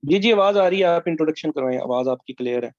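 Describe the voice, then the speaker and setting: A man's voice: a little high, lively intonation, quick pace, dry recording. A man coaching candidates in a mock interview over a video call, giving corrections. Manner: instructive, gives corrections. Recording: muffled online call audio.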